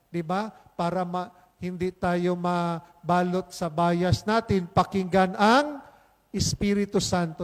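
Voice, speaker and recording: A male priest giving a conversational homily at Mass, mixing English into Filipino and often checking in with "di ba?" and "okay?", with playful asides. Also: high voice. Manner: conversational, keeps asking "di ba?" and "okay?"; mixes English phrases into Filipino. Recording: long hall reverb.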